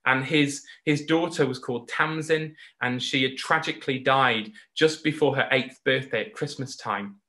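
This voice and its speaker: Male preacher, mid pitch, earnest and heartfelt, slow emphatic pauses; online worship sermon. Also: sharp tone. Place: home recording for an online service.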